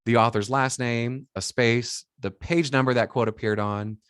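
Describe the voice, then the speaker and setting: A man's voice: mid-range voice, fairly even intonation, moderate pace, fairly bright tone, smooth, no echo, clean studio sound. A man giving a classroom lecture as an English instructor, dictating examples item by item and naming each punctuation mark. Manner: often ends points with a checking "right?". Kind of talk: classroom lecture on citation rules.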